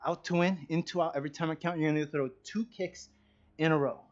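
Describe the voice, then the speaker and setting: A man teaching a martial arts kicking class, counting reps loudly and chatting and joking with students between sets. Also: a little high, fairly even intonation, fast talker, lo-fi sound. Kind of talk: leading a live kicking workout class.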